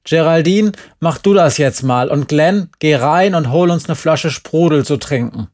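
A man reading aloud and voicing a gruff, middle-aged father who barks orders from scaffolding. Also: on the high side, unhurried, voice pushed up, lightly acted. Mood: barking. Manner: shouting.

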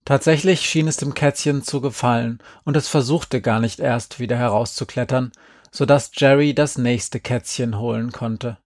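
A man reading a story aloud in a calm, even storytelling manner. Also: medium pitch, moderate pace, no room sound, clean studio sound. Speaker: narrator. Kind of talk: audiobook narration.

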